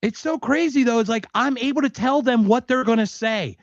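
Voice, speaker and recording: A man's voice: extremely high pitch, a little fast, no room sound, highs cut off. A man co-hosting a podcast, ranting with anger and exasperation, swearing constantly. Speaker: podcast co-host. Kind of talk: profane ranting commentary.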